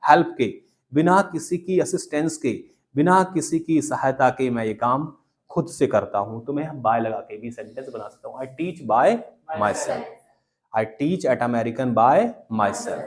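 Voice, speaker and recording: A man's voice: mid-range voice, a little slow. A man teaching a spoken English class in a classroom, drilling students by asking them to repeat phrases. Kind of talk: classroom lesson in Hindi and English.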